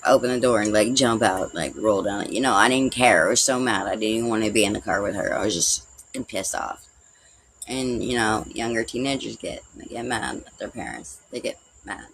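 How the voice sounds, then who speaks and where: A man's voice: on the low side, a bit bright, slight background noise, rough recording. A man hosting a livestream, telling a personal story in a rambling, profane way full of "like" and "you know". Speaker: livestream host.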